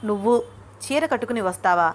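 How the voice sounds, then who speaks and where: A woman's voice: mid-range voice, lively intonation, a little fast, a little hiss or hum, natural voice. Playful romantic husband in a storybook, read by a woman. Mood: teasing. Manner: playful, teasing. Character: young man, affectionate teasing husband.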